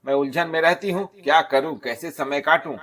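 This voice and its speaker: A man's voice: fairly high pitch, normal speed, fairly bright tone, pitched above the performer's own voice, natural voice. A man voicing a blunt young newlywed woman. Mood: grumbling. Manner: complaining, offhand, chatty. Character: young newlywed woman, blunt, restless, dodges her in-laws. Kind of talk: storybook narration.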